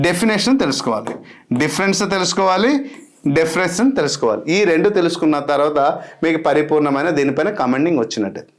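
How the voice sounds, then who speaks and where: A young man with a Telugu accent lecturing as an exam-prep teacher, emphatic and repeating key words. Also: sits high.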